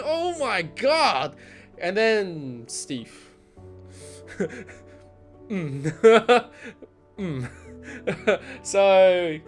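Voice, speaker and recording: A man hosting a casual video-game trailer reaction, talking excitedly, laughing often and imitating lines he hears. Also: sits high. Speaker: gaming video host.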